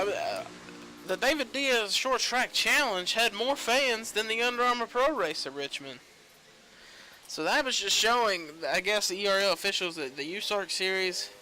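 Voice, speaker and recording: A young man giving casual play-by-play commentary on a sim racing league, rambling between team names and growing excited at the finish. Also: high voice, a little hiss or hum, poor audio. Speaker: race commentator.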